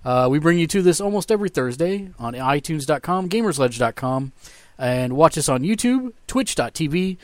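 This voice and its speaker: A man's voice: a little high, moderate pace, no echo. Chatty male podcast host, dry sound. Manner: relaxed, chatty, laughs often. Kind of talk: casual podcast chat over video call. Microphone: video call mic.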